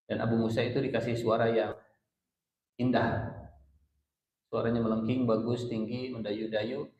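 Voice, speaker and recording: A man's voice: medium pitch, roomy sound, highs cut off. A man with a Sundanese-inflected Indonesian accent teaching a Quran study circle, explaining verses and chanting Arabic recitation. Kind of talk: Islamic study lecture.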